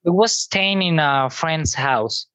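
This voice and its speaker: A guest from Venezuela, a native Spanish speaker with a Venezuelan Spanish accent, chatting easygoingly in loose, halting phrases. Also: mid-range voice, a bit bright, dry recording. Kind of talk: casual interview chat.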